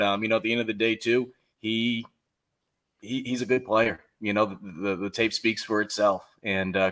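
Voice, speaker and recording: A man with a Boston accent, co-hosting a sports talk show, who tells rambling stories full of restarts. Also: fairly low pitch. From Boston area. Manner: rambling, animated storyteller with many restarts. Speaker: co-host. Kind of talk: sports radio chat.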